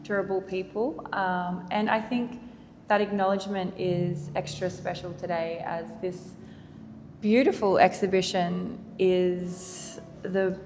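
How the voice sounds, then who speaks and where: A woman's voice: lowish voice, steady tone, slow pace, a little mellow. Australian woman, panel moderator, earnest and formal, roomy hall with long reverb, faint background noise. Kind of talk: public panel conversation. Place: gallery event space.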